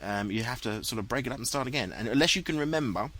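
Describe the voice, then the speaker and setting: This let's play commentator has a mid-range, somewhat bright voice and talks quickly and with animation, poking fun at himself in a casual way over his own gameplay footage. He's an Englishman with an English accent. His headset voice-over was recorded afterward in a room at home and dubbed in during post-production.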